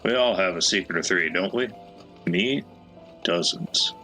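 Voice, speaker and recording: A man's voice: sits low, unhurried, sharp tone, soft background music, rough recording. A man voicing a chatty, folksy old male peddler with a put-on American Southwestern drawl, reading game dialogue in character.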